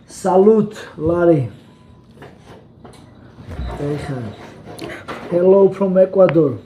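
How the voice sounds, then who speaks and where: Georgian-accented man, halting casual English. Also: sits high, dark tone, roomy sound, slight background noise, rough recording. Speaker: guest fighter reading chat. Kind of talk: casual livestream chat.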